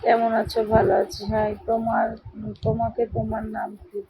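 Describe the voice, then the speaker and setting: A woman's voice: on the high side, monotone, moderate pace, lo-fi sound. A woman from India with a West Bengal Bengali accent, hosting a casual live video stream, reading viewers' comments aloud and answering them. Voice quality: husky. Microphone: phone.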